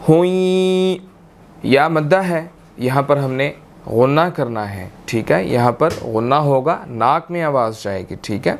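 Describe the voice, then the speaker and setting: A man with a Pakistani Urdu accent teaching tajweed, explaining patiently and slowly drawing out recited words. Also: on the high side. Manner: patient, repeats each word slowly with drawn-out recitation, checks "theek hai?".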